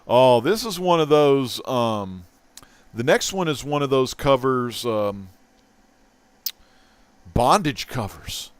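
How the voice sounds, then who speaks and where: A man hosting a casual comic book haul vlog, chatty and excitable, swinging from loud bursts to mumbled asides. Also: mid-range voice, slow, long pauses, smooth, no echo. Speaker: host.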